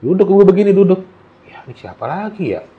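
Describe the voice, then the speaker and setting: A man's voice: sits high, brisk, phone-quality sound. A man telling a story in casual conversation, acting out the dialogue. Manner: animated, acts out dialogue. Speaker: guest storyteller.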